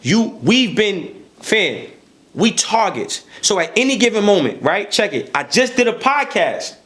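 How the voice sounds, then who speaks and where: Man, high voice, podcast guest, heated, emphatic, swears, repeats words. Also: very animated, measured pace, fairly bright tone. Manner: emphatic, profane, repeats words when stressed. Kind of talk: heated interview talk.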